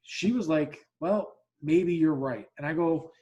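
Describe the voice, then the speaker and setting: On a muffled recording, a man with a slightly high, warm voice unhurriedly hosts a casual podcast chat. He tells his story bluntly, swears freely, keeps restarting, and acts out both halves of the dialogue.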